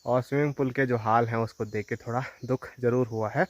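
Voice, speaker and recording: In this walk-and-talk vlog, a man from the northern Indian Himalayan hills strolls through a forest and speaks directly to his viewers in a chatty way. He has a medium-pitched, steady voice and talks a little fast. The audio is dull with no room sound, while insects and countryside noises carry on behind him.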